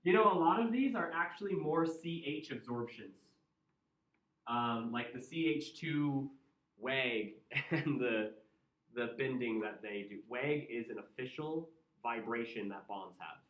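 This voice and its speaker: A man's voice: medium pitch, expressive, moderate pace. A man with a Midwestern American accent teaching a chemistry class, conversational and joking, asking the students questions. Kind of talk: classroom lecture. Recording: roomy, distant and dull classroom sound.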